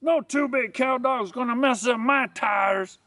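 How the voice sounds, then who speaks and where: A man voicing a gruff, bullying male boxer dog who snarls threats in a storybook reading. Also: very high voice, a little slow, pushed and bright, no echo, pitched above the performer's own voice, full character voice. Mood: hostile.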